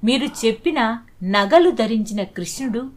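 A woman voicing an eager, simple-hearted male thief in a soft storybook reading. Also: fairly high pitch, lively intonation, measured pace. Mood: earnest.

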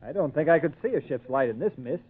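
Eager teen village boy, high, lively pitch, polite and earnest, vintage radio drama. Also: fast, breathy edge. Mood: curious, eager. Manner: earnest, respectful, boyish. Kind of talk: old-time radio drama acting. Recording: tinny, narrow-band old radio recording.

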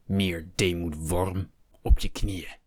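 A man's voice: low voice, level tone, slow pace, a little mellow, breathy edge, dry recording, clean studio sound, exaggerated voice. A man voicing a cruel, sneering Spanish mine owner in an audiobook, bellowing his orders. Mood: snarling.

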